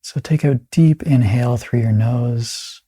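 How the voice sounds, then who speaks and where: This medium-pitched male voice leads a guided meditation, soft and breathy, calm and soothing, leaving pauses between each phrase.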